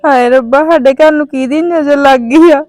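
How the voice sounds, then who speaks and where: A woman's voice: high-pitched, moderate pace, darkish tone, soft background music, lightly acted. A woman playing a sister-in-law who laments the family's misfortune through tears in an amateur family drama. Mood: lamenting. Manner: lamenting, tearful.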